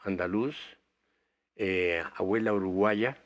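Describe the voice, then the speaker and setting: A man's voice: sits low, slow pace. An older man from Bolivia, a guest actor, telling long anecdotes in a rambling way with many fillers. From Bolivia, raised touring South America. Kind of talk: storytelling interview answers.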